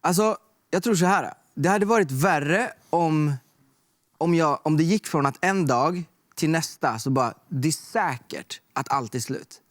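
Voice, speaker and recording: A man's voice: on the high side, no echo. Young man telling stories in a dry room. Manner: relaxed storytelling with fillers like "liksom" and "typ". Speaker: guest artist. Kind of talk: casual chat.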